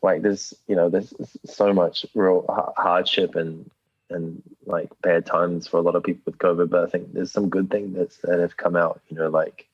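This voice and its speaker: Male musician guest, Kiwi accent, low husky voice, easygoing slangy chat, slightly lo-fi sound. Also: little pitch movement, normal speed, dry recording. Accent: New Zealand. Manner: laid-back, slangy, matey. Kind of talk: casual chat. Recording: dull lo-fi call audio.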